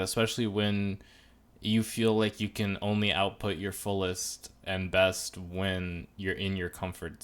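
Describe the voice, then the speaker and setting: A man co-hosting a podcast, chatting casually and rambling through jokes and opinions. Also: lowish voice. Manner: joking, rambling, animated asides. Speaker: podcast co-host reviewing a TV show. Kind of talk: casual chat.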